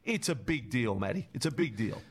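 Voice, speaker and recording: An Australian man hosting a radio show, chatting casually and telling stories in an animated way. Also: medium pitch, a little fast, husky. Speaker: radio host.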